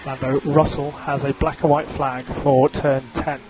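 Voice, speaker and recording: A race engineer, male and medium-pitched, delivers flat, measured instructions over team radio in a clipped, businesslike way, repeating the key calls. The link is very noisy, dominated by engine and vehicle sounds.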